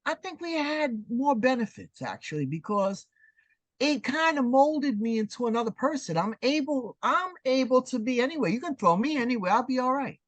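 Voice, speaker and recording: A woman's voice: high-pitched, normal speed, no echo. Emphatic woman in her sixties, dry sound. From New York City. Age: 60s. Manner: emphatic storyteller, animated and repetitive. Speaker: guest artist. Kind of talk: casual interview chat.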